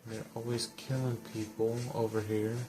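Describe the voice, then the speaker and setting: A man's voice: lowish voice, level tone, moderate pace. A man streaming a video game live, giving casual, rambling commentary and reading the player's dialogue lines aloud, with faint hiss behind him.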